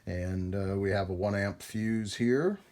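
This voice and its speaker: Working on vintage radio gear, a man hosts a casual hands-on demonstration, narrating the vlog in a rambling, folksy way with hesitations. His voice is fairly low, unhurried, and darkish in tone.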